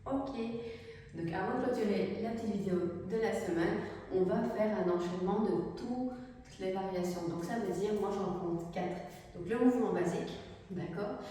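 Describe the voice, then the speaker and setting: Woman teaching belly dance, counting out the steps, soft mellow voice, long echo from a distance in a small room. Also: mid-range voice, moderate pace, a little hiss or hum. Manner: counts beats aloud while demonstrating, checks in with "d'accord?". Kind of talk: dance tutorial instruction. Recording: echoey room, mic far off.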